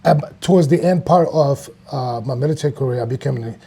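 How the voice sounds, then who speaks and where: A man's voice: mid-range voice, quick pace, mellow, breathy edge. A man in his fifties from Puerto Rico, an artist and studio co-owner talking casually in an interview, hesitant with many fillers.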